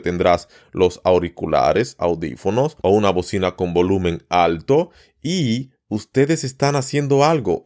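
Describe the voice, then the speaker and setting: Deep-voiced man teaching in a podcast. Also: a little mellow. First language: Spanish. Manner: repeats words and lists them slowly for learners. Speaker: Spanish teacher and podcast host. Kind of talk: podcast lesson for learners.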